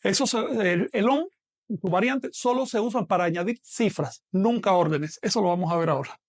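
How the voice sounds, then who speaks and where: A man's voice: high voice, normal speed. A man teaching a math class online, explaining patiently and quizzing a student as he goes.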